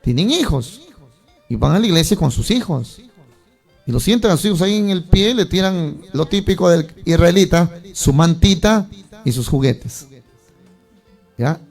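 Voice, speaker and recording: Preacher, male, high gravelly voice, lively storyteller who acts out voices, faint music underneath. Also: moderate pace, long pauses. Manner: animated storytelling, acting out voices of churchgoers. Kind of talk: sermon.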